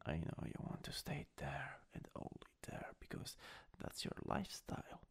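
Speaking with an Italian accent, this man fully commits to the character voice of a country-boy lover in an improvised ASMR roleplay, teasing and soothing. His medium-pitched, breathy, raspy whisper swings hugely in pitch as he murmurs slowly, hesitantly and intimately.

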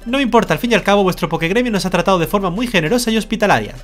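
A streamer from Spain voicing a scheming male skunk boss in a video game, smooth-talking and falsely polite. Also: medium pitch, lively intonation, rapid-fire, soft background music, pitched above the performer's own voice, close to an everyday voice. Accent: Spain Spanish.

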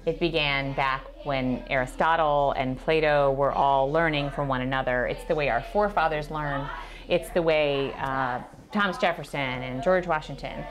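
Low-voiced woman explaining calmly. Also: a crowd in the background. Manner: measured, explanatory, lightly joking. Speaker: teacher giving a school tour. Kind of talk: conversational explanation. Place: school classroom, indoors.

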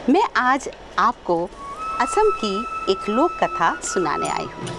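A woman's voice: a little high, wildly swooping pitch, slow. A woman storyteller introducing and telling folk tales, speaking directly to children. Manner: warm, addressing children directly. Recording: music playing underneath. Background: background music.

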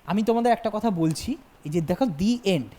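A woman teaching an exam-prep grammar lecture, repeating each point and checking in with quick questions to her students. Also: medium pitch, animated, dark tone.

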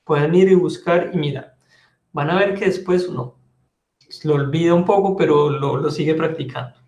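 A man teaching a French class online, spelling out letters slowly and patiently and repeating each one. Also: on the high side, darkish tone, reverberant. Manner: slow, patient spelling and repetition.

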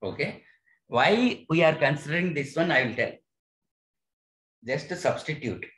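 A man's voice: a little high, expressive, normal speed, fairly bright tone. A man with an Indian accent teaching physics, explaining step by step and checking that he is followed. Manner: checks understanding with short questions. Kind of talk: online lesson, explaining a derivation step by step. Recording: roomy, echoey sound.

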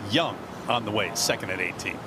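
Male golf commentator, loud background noise. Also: lowish voice, fairly quick, creaky. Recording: very noisy outdoor broadcast.

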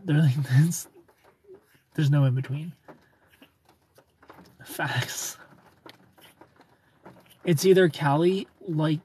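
This thirtysomething man chats on a casual live stream from a parked car at night, neon glowing around him, with his phone close to his face. He reads comments aloud and laughs a lot, his slightly high voice a bit mellow and somewhat rough, captured in low quality.

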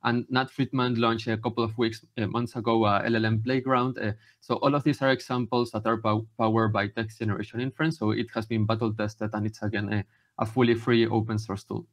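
A man's voice: fairly low pitch, level tone, fairly quick. A young man from Peru, giving a technical conference talk over a video call, explaining steadily with many filler sounds. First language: Spanish. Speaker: conference speaker. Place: indoor room.

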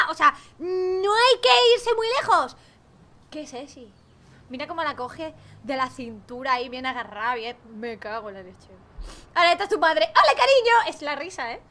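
Young woman from spain doing gaming commentary, super high bright voice, jokey and animated, swears for fun. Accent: Spain Spanish. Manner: animated and jokey, swears playfully, laughs often. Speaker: gaming YouTuber. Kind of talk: let's play commentary of a dating game.

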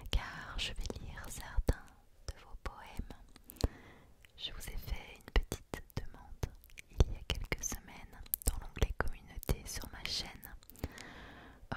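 A woman hosting ASMR chats and reads poetry in a gentle, hushed whisper, taking her time.

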